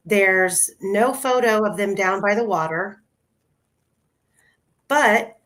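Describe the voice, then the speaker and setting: Over a video call, a woman with a mid-range voice shares her screen and steadily names trial photos one after another. Her computer mic carries the casual online discussion as she methodically goes through each image.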